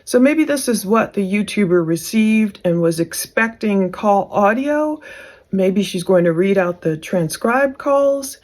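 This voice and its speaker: A woman's voice: medium pitch, lively intonation, unhurried, a little mellow. Woman giving casual true crime commentary. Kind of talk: casual commentary on case documents.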